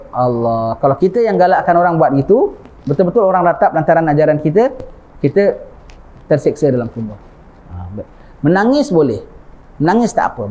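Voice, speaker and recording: A man's voice: a little high, warm tone, highs cut off. A man with a Malaysian Malay accent giving an informal religious talk, often checking in with his listeners. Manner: conversational, often asks the audience 'ha?'. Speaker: religious preacher. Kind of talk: informal sermon.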